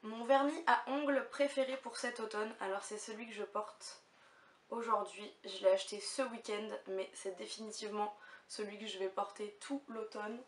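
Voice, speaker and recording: A young woman beauty vlogger talks casually to camera from a room at home, her mid-range voice fairly even and moderately paced. She's chatty and hesitant, with plenty of fillers, and the echoey room, distant mic and faint hiss are audible.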